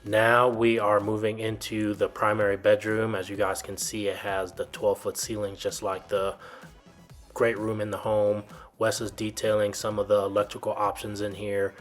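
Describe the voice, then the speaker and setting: A man's voice: fairly low pitch, flat delivery, normal speed, soft background music. A man giving an explanatory, informal video tour narration as a home builder's guide, in a plain, instructive way.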